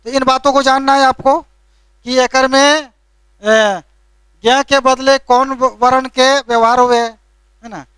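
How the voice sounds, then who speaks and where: A man's voice: very high-pitched, steady tone, slow pace, long pauses, a bit bright, clear, resonant tone, no room sound. A male teacher lecturing a classroom, checking in with a constant tag question and lightly scolding needless spellings. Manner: keeps adding the tag question "है ना?".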